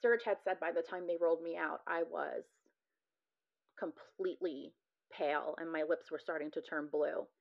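A woman's voice: sits low, steady tone, normal speed, gravelly. A woman, a labor and delivery nurse, telling a personal story in a frank, earnest conversational way, often filling with "like". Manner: earnest, frank, heavy use of "like" as filler. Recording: dull, lo-fi recording.

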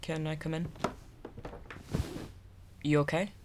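Audio drama role: curious, caring young science-mad boy, notably low voice, earnest. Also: flat delivery, slow pace, a little hiss or hum. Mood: concerned. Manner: earnest, inquisitive. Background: music.

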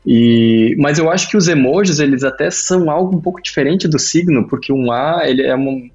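A man chatting casually as host, explaining things in an articulate, measured way. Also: a little high, a little mellow, husky, lo-fi sound. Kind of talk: casual chat.

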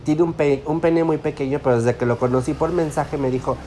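A man tells a personal story in relaxed, chatty speech. He is lively and animated, and he slips into the voices of the people he quotes. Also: on the high side, fairly quick, a little hiss or hum. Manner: lively, laughs often while telling. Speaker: storyteller guest. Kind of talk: casual anecdote telling.

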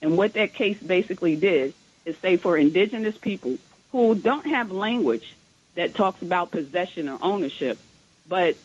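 A woman's voice: on the low side, expressive, husky. Woman caller on a clipped phone line. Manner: measured, explanatory, with frequent "um" pauses. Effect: clipped, muffled phone line. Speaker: radio show caller. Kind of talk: call-in comment on a radio talk show. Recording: muffled phone call on radio.

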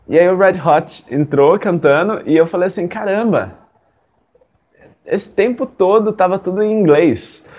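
A man's voice: fairly high pitch, a little mellow. A young Brazilian man teaching English in casual chat, talking straight to his listeners and acting out his own past thoughts.

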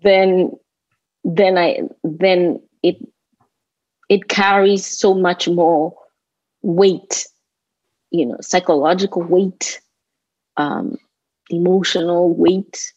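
A woman's voice: fairly low pitch, steady tone, very slow, pauses often, a little mellow. A woman with a Kenyan accent talking reflectively as an interview guest, thoughtful and given to emphatic repetition. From Kenya, grew up in Nairobi. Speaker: interview guest, landscape designer. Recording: roomy, slightly dull lo-fi audio.

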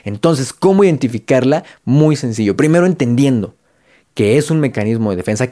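A man's voice: medium pitch, dark tone. A man with a Mexican accent giving a casual motivational talk to camera, talking conversationally with slang and repeated phrases for emphasis. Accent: Mexican Spanish. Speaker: motivational vlogger.

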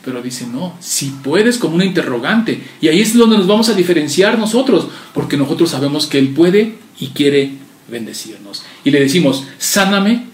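A man's voice: fairly high pitch, fairly quick, echoey room, far from the mic. A man preaching a sermon and explaining a Bible passage, acting out its dialogue with rising emphasis. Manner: animated, acts out biblical dialogue with rising emphasis.

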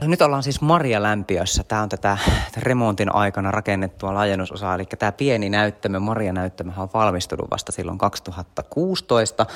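A man hosting a podcast, giving a chatty walking tour and guiding listeners from space to space. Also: on the low side. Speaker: podcast host.

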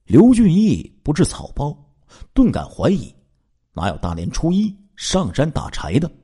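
A man's voice: on the high side, wildly swooping pitch, unhurried, mellow, slightly rough. A man narrating a true-crime case in a dramatic storytelling way, with asides to his listeners.

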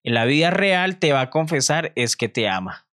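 A man's voice: fairly high pitch, big pitch swings, normal speed, a bit bright. A man co-hosting a casual comedic chat, teasing his partner and reading out numbered tips. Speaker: co-host.

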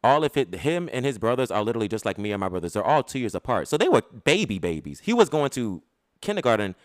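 A man, co-hosting a casual chat and talking fast. He tells stories in a loud, profane, animated way. His voice is close and dry, with no room sound. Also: mid-range voice, dry recording. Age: 30s. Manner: animated, profane storytelling with bursts of laughter. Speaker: podcast co-host.

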